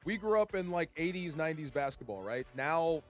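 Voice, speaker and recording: A man in his forties co-hosting a casual sports radio show, excitable and laughing often. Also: on the high side, brisk, soft background music.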